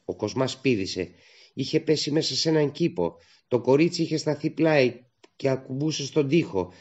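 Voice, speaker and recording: On a dull, lo-fi recording, a man with a medium-pitched voice narrates a literary audiobook. His storytelling is steady and measured.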